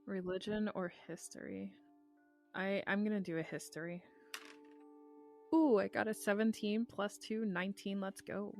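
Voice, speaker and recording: A woman's voice: medium pitch, steady tone, moderate pace, darkish tone, soft background music. A woman player role-playing her character in a tabletop game, hesitant and stammering at times.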